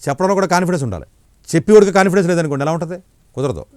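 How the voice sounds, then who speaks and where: A middle-aged man, an education counselor, giving blunt, forceful answers in an interview. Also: on the high side, big pitch swings, racing, no echo, clean studio sound.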